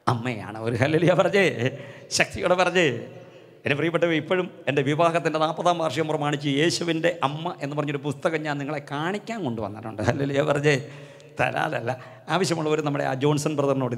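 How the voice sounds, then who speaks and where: An older man preaching a charismatic sermon, telling folksy stories and calling the crowd to shout hallelujah. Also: medium pitch. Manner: rousing, repeatedly calls for loud hallelujahs; storytelling, folksy and conversational. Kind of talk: charismatic sermon with call-and-response. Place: large hall at a gathering. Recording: long hall reverb.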